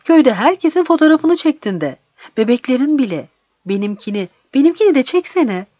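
A woman voicing an eager, friendly village boy who pleads in a raised, bright voice. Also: high voice, sing-song, brisk, no room sound, voice pushed up. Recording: dry, slightly dull recording.

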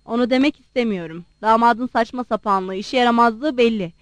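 A woman's voice: on the high side, a little fast, dry recording, lightly acted. A woman reading the part of an irritable young man, scornful and agitated in his outbursts, in an audiobook. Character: irritable young man, bitter older brother.

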